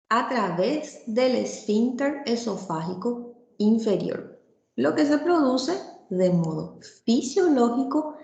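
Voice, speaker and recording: A woman's voice: medium pitch, gravelly, a little mellow, reverberant. A woman giving a medical lecture, explaining step by step and ending almost every phrase with a checking "right?" or "yes?". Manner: tags nearly every phrase with "¿verdad?" or "¿sí?"; explanatory, speaks directly to the students.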